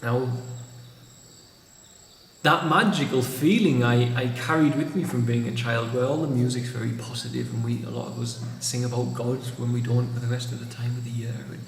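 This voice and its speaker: A man vlogging in a reflective, unhurried way, recorded in an empty room with a big hall echo. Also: mid-range voice, steady tone, vocal fry, a little hiss or hum. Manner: thoughtful, unhurried, restarts phrases. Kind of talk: reflective monologue. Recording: echoey empty room with long reverb.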